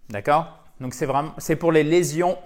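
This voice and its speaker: A man's voice: on the high side, moderate pace. Chatty man teaching English vocabulary. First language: French. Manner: chatty, addresses viewers as dear friends; spells out pronunciation, repeats words. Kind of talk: lively video lesson.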